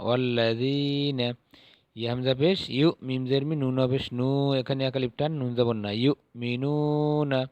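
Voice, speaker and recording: A middle-aged man teaching Quran reading, patiently spelling out each syllable and then drawing out the recited words slowly. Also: medium pitch, darkish tone, no echo, muffled recording.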